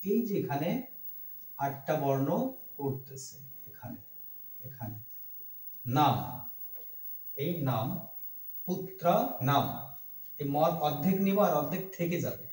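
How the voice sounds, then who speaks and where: A man teaching Sanskrit verse pronunciation, slowly breaking words into letters and chanting the lines. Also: on the high side, lively intonation, a little mellow. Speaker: Gita recitation teacher. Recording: roomy echo, mic far off.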